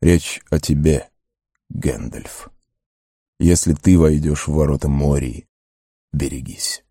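A man doing a quiet, heavy-hearted ranger. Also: a bass voice, steady tone, slow, no room sound, clean studio sound, heavily acted.

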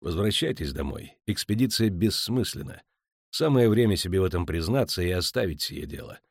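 A man voicing a calm, hardened monster hunter with a dry, sardonic manner. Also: sits low, fairly quick, breathy edge, no room sound, full character voice.

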